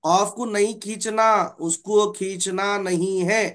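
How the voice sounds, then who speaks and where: A man teaching a Quran recitation class, patiently explaining rules and slowly stretching out example words. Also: high-pitched, fairly even intonation, fairly bright tone. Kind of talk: online tajweed class.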